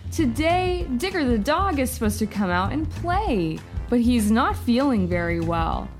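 A woman hosting a children's story podcast, talking to the listener in a bright, encouraging, sing-song way, with music playing behind. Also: on the high side, big pitch swings, measured pace. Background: background music.

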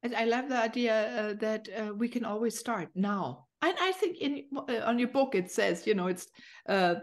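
A woman hosting a podcast, speaking in a gentle, searching way with many pauses and fillers about making new starts. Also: a little high, lively intonation. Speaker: podcast host. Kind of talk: reflective spiritual talk.

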